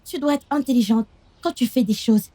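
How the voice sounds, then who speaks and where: A woman's voice: a little high, fairly quick, mellow, dry recording, close to an everyday voice. An actress dubbing a stern woman who lectures a younger girl. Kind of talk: dubbed film acting.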